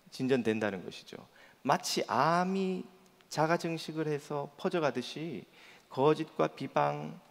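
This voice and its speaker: A man preaching a sermon from the pulpit, his voice rough and gravelly and sitting a little high for a man. He keeps putting earnest rhetorical questions to his listeners, and a long church reverb trails each phrase. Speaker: pastor. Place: church sanctuary.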